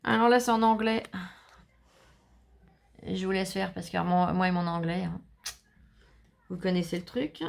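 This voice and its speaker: A woman vlogger chatting casually to viewers while opening a scrapbooking parcel, gushing and enthusiastic with a slightly gravelly voice. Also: fairly low pitch, level tone, a little slow, long pauses. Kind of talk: casual unboxing chat to viewers.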